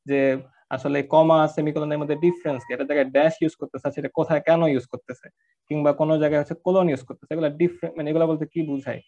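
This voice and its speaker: A man lectures an online class in a quick, gravelly voice set a little high. He talks in loose, filler-heavy sentences, slipping English words in as he goes. The sound is muffled and lo-fi. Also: darkish tone. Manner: conversational, filler-heavy teaching with English mixed in. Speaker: course instructor. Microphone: online class audio.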